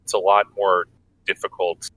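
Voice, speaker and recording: A man's voice: low voice, little pitch movement, moderate pace, pushed and bright, no echo, low-quality recording. A man co-hosting a podcast, explaining news stories in a wry way with many hesitations. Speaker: podcast co-host. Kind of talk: casual political chat.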